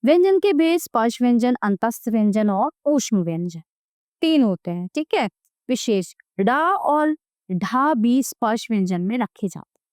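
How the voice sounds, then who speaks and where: A woman teacher talks her young pupils through a grammar lesson, slowly and deliberately, one letter at a time. Her voice sits a little high, and she keeps pausing to make sure everyone is following. The sound is dry and close, with no room echo. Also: big pitch swings, a little mellow. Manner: slow, deliberate, checks in with "ठीक है?". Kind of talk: classroom lesson explaining a video book.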